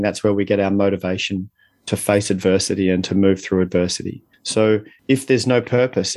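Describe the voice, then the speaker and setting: A man's voice: lowish voice, a little mellow, no room sound. A middle-aged man speaking reflectively as an interview guest, explaining and telling stories in a conversational way. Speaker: interview guest, leadership coach.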